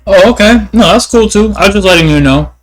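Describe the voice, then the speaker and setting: A man's voice: high voice, rough recording. A man, a native English speaker, chatting casually as a live streamer with his viewers. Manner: halting, beginner French with searching pauses when speaking French. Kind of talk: casual chat.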